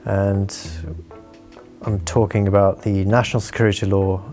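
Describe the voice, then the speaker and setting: A man's voice: lowish voice, flat delivery, moderate pace, mellow, faint music behind. A man from Hong Kong, interviewed with his voice disguised, explaining things earnestly with frequent restarts. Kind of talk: explaining, measured interview talk.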